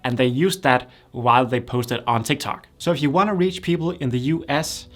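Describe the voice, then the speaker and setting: A young Danish man, a YouTube creator whose first language is Danish, explains things in English in a tutorial video for his channel. His delivery is plain and step by step, at a moderate pace and an ordinary middle pitch.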